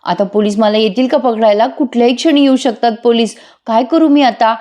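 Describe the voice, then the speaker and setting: A woman's voice: fairly high pitch, a little fast, darkish tone, lightly acted. Woman doing a scheming young woman, anxious, sarcastic, needling.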